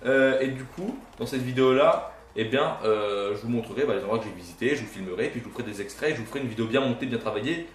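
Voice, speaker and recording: Fast, rambling young man gaming. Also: mid-range voice, distant mic, a little hiss or hum. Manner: rambling, self-mocking, casual swearing. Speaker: gaming YouTuber. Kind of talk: casual gameplay commentary. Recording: roomy, off-mic, faint game music.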